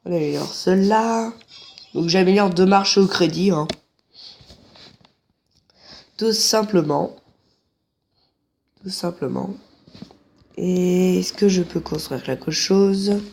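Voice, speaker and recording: A man with a head cold chats casually from his couch at home while commentating a game, his voice stuffy and nasal. It's high, slow and creaky with long pauses, a little mellow, over slight background noise. This is relaxed let's-play commentary, full of chatty, jokey asides to viewers.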